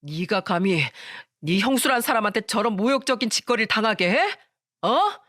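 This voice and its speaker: An angry husband scolding his younger brother in a raised, lively voice, as a woman narrator voices him. The recording is dry and close. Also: fairly high pitch, moderate pace, no echo. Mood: furious. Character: furious older brother, a married man shouting.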